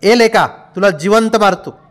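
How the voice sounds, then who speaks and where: A man's voice: high voice, unhurried, voice pushed up. A man doing a hotheaded village father. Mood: heated. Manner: heated, loud.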